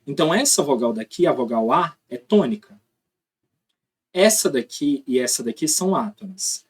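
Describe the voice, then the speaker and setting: A man's voice: medium pitch, animated, normal speed, slightly rough. Male teacher explaining step by step. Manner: explains step by step, often checks with "tá?". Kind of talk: recorded classroom lesson.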